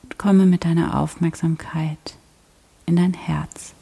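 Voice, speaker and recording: A woman guiding a prayer meditation in a soft, slow, half-whispered voice. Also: sits low, fairly even intonation, gravelly, slightly rough. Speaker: prayer guide.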